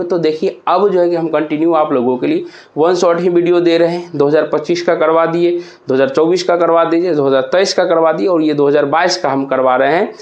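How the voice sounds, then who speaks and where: A man runs an exam revision lesson, his voice sitting a little high. He spells each word slowly, letter by letter, and keeps asking his students questions. The recording sounds muffled and lo-fi. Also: a little mellow. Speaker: exam prep teacher. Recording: muffled lo-fi audio.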